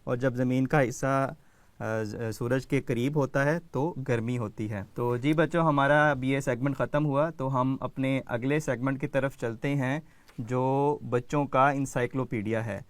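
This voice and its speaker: A man's voice: medium pitch, fairly even intonation, dry recording. A man hosting a children's education program, patiently calling on kids by name to answer quiz questions.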